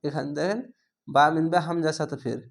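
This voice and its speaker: A man's voice: on the high side, a little fast, gravelly. A man teaching Quran reading, spelling out each syllable letter by letter and drawing out the long vowels in a patient lesson. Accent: Bangladeshi Bengali. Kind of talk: slow spelled-out recitation lesson.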